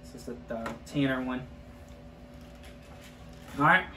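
Hosting a food challenge video, a man eats gross jelly beans at a table in a small indoor room, chatting casually and egging on his friend with competitive banter. His medium-pitched voice is unhurried, bright and forceful. A camera a few feet away picks up roomy echo and faint background noise.

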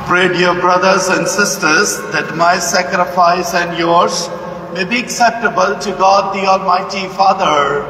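A man, a priest, reciting the prayers of the Mass in a measured, solemn manner, his voice echoing through a large cathedral. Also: high voice, steady tone, pushed and bright. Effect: cathedral echo. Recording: echoey cathedral, distant mic, faint hum.

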